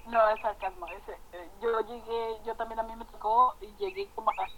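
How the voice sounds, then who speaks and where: A woman chatting casually and relaxed, telling about a trip. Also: fairly high pitch, moderate pace, background noise. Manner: relaxed, chatty, many short backchannels. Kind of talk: casual chat.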